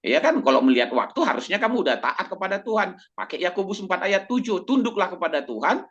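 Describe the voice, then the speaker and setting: A male pastor preaching with animated, exhorting energy and a lively voice that leaps up and down in pitch. He acts out little exchanges and often ends his points with a tag question to his listeners. The recording sounds muffled and lo-fi. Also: fast talker, breathy edge. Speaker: pastor and doctor, guest speaker. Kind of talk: preaching talk to a congregation.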